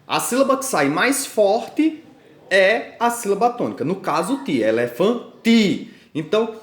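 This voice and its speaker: A man with a Brazilian accent teaches grammar to young pupils, his voice slightly high and swinging widely in pitch. He is patient and leans hard on stressed syllables as he works through examples. The sound carries a noticeable room echo. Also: big pitch swings, a little fast, a bit bright. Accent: Brazilian Portuguese. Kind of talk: grammar lesson for children.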